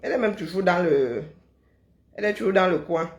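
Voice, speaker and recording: A woman's voice: on the low side, expressive, fairly quick, darkish tone. A middle-aged woman, chatting casually on a live stream and answering viewers in a teasing, sarcastic way, often tagging her sentences with "hein?". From Kribi, Cameroon.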